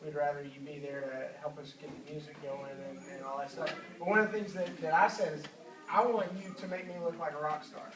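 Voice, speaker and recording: A man on a parents' panel, telling a relaxed story about his own experience. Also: on the high side, fairly quick, music in the background. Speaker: panelist father. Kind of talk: panel talk. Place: panel event before an audience. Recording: echoey room, far mic, audience.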